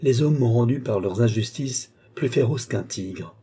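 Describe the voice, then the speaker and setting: In an audiobook, a man plays a suspicious, touchy older philosopher, his medium-pitched voice expressive, warm, and slightly rough at a measured pace. The character is indignant, hurling accusations and breaking into self-pitying outbursts about the ways he's been betrayed.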